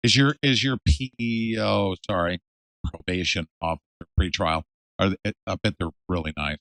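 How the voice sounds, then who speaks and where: A male host in a casual interview, emphatic and animated, swinging from loud to hushed. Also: low-pitched, normal speed, vocal fry, dry recording.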